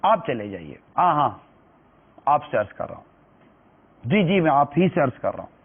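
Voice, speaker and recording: A man's voice: fairly high pitch, sing-song, breathy edge. Earnest male preacher, tinny sound. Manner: earnest, pleading, repeats phrases. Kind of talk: religious talk.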